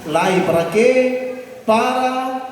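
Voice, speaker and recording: High-voiced Mozambican preacher in echoey hall. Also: male voice, very slow, slight background noise. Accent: Mozambican Portuguese. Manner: animated storytelling with laughter and exclamations. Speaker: visiting missionary preacher. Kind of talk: sermon testimony. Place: large echoey church hall. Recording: echoey hall, distant mic.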